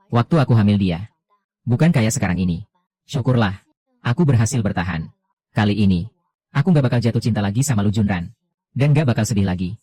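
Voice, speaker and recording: Dark-voiced male story narrator. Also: fairly low pitch. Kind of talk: first-person animated story narration.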